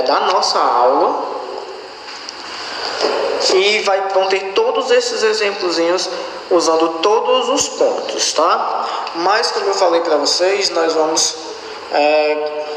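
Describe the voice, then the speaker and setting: Slow, echoey man teaching. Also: high-pitched, background noise. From Brazil. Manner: slow and explanatory, often checks in with the class. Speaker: English teacher. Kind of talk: recorded online lesson. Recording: echoey room with long reverb.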